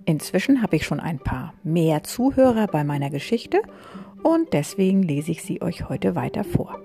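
A woman teacher reading a children's story aloud to her class in a calm voice. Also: lowish voice, moderate pace, gravelly, faint music behind.

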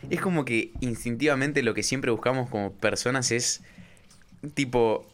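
A man's voice: mid-range voice, moderate pace. A man with an Argentine accent, a podcast co-host who thinks aloud in casual conversation and leans on fillers. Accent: Argentine Spanish.

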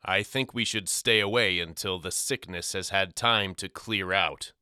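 A worried widowed father with a terse, mumbling way of speaking, read by a male narrator in an audiobook. His voice sits a little low and comes across bright and clean. The recording is dry and close. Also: unhurried, clear, resonant tone, dry recording, exaggerated voice. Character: frightened, stern widowed father of three boys. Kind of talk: audiobook character voice.

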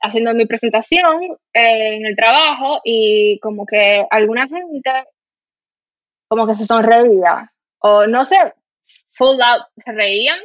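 Woman from Latin America, candid and reflective, chatty with fillers; bright tone, dry and slightly dull recording. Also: fairly high pitch, takes it slowly, no room sound. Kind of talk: casual conversation.

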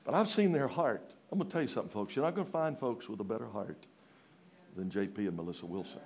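A man from rural Louisiana with a Southern US accent, preaching a sermon in a folksy, emphatic way, putting questions to his listeners and moving between raised exclamations and hushed phrases. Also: on the low side, lively intonation, fast. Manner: folksy, rhetorical questions to the congregation.

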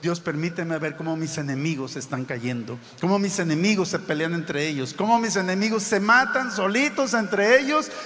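A man's voice: sits high, moderate pace, few pauses, fairly bright tone, long reverb tail. A man preaching a sermon as pastor, building to emphatic exclamations.

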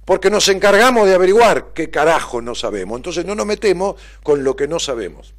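A man's voice: sits high, fairly quick. A man with a Rioplatense Argentine accent, a therapist talking bluntly and profanely as he reads out messages and tells stories. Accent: Rioplatense Spanish. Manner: blunt, profane, animated storytelling. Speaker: psychotherapist and host reading viewer messages. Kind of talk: casual live-stream talk.

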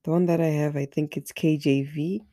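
A woman guides an online Bible study with sincerity, her voice hoarse and raspy because of the flu yet low, warm and steady in tone. At a moderate pace, she sometimes repeats words while reaching for the next one.

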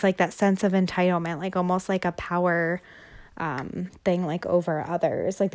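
A woman's voice: fairly low pitch, darkish tone. Chatty young woman podcaster, lots of fillers. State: breathing heavily. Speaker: podcast host. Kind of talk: casual podcast monologue.

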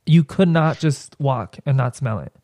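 A man's voice: mid-range voice, unhurried, mellow, dry recording, clean studio sound. A man with a Mexican Spanish accent, chatting casually as a podcast guest and rambling through stories with lots of restarts. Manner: rambling, hesitant storytelling with many restarts. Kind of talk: casual chat.

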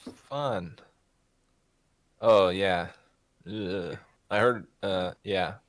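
A man's voice: sits low, very slow. A man voicing a simple-minded, friendly young man in a tabletop game, easygoing and chatty.

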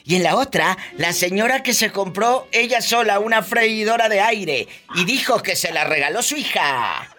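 Male Mexican comedy host, teasing and gossipy, bright animated voice. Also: high-pitched, normal speed, hardly any pauses. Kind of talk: comedic radio-style hosting.

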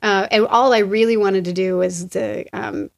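A middle-aged woman chatting casually as a guest, telling animated stories and acting out what other people said. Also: medium pitch, moderate pace, gravelly. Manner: animated storyteller, acts out quoted dialogue. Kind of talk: casual conversation.

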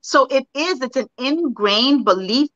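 Woman, podcast co-host, bright tense voice, animated casual talk, dry muffled recording. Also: sits high, unhurried, dry recording. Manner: animated, conversational, asks her co-host questions. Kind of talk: casual discussion. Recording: dull lo-fi sound.

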